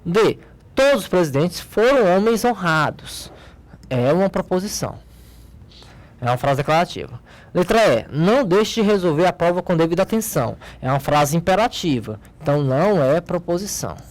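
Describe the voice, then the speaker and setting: A man's voice: high voice, very animated, moderate pace. A man with a Brazilian accent teaching logic, patiently explaining an exercise at a board and checking in often with short questions to his students. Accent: Brazilian Portuguese. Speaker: math teacher.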